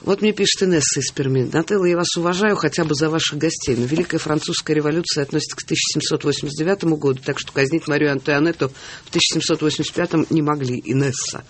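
A woman hosting a radio talk show, reading listener messages aloud with a wry, quick-witted manner. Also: sits low, slight background noise. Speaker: radio host.

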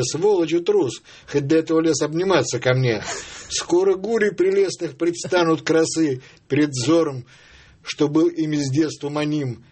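A man reciting his own comic poem on air in a measured, mock-solemn way. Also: a little high, darkish tone, husky. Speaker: poet guest.

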